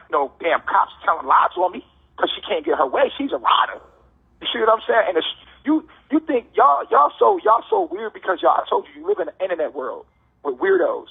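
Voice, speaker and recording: A man's voice: extremely high pitch, gravelly, breathy edge. A man calling from jail on a prison phone, ranting in an insistent, preachy way and repeating himself. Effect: prison phone call. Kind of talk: heated ranting monologue. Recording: tinny prison phone line.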